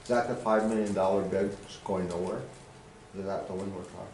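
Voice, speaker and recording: A low-voiced man speaking up from the audience, heard from far off in a roomy hall with faint background noise. He halts and repeats words as he asks his question. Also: fairly even intonation, a little fast, a little mellow. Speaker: audience member. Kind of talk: question from the floor. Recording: echoey room from far off.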